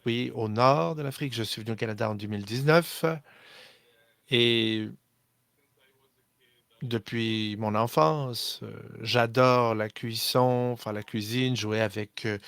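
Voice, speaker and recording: A man from Tunisia, a chocolatier guest, introducing himself in a friendly, halting way. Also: medium pitch, a bit bright, dry recording. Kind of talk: casual self-introduction.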